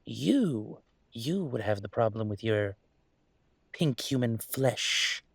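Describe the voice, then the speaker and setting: A man plays a troubled young werewolf in an intimate audio roleplay, using an exaggerated, expressive voice that's medium-pitched, creaky, and husky. The character confides in a halting, sardonic, self-deprecating way with a teasing air, and there's no room sound.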